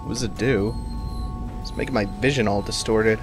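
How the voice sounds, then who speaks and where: A man's voice: lowish voice, fairly even intonation, moderate pace, music in the background. A man giving casual let's play commentary, musing and thinking aloud as he plays. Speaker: gamer commentating a playthrough.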